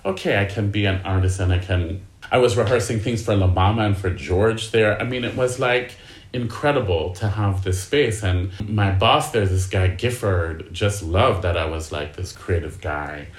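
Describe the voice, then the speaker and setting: A middle-aged man, an actor, telling a story from his career in casual talk, with lots of filler likes and lively voices when he acts out what others said. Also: low-pitched, moderate pace. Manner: chatty, many filler likes; animated when acting out quoted people. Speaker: actor guest. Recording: roomy echo.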